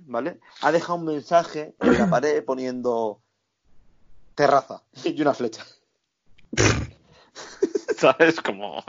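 A man recapping a film in casual chat, animated and profane, tagging his lines with quick checks to the listener. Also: medium pitch, lo-fi sound.

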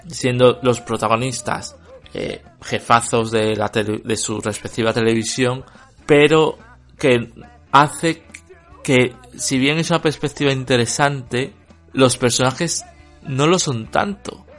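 In a casual spoken review of a book, a man with a Spanish accent from Spain trips over fillers and restarts while hesitantly working through it. He becomes bluntly critical and dismissive, his voice in a normal middle pitch range, with quiet music faintly in the background.

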